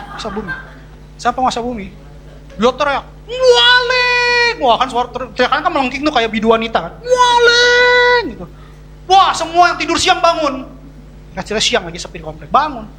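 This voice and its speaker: Preacher, bright tone, animated, quizzes the congregation, funny stories, faint hum behind. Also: mid-range voice. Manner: animated, asks the congregation questions, tells humorous everyday stories. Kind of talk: lively sermon to a congregation. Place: church service.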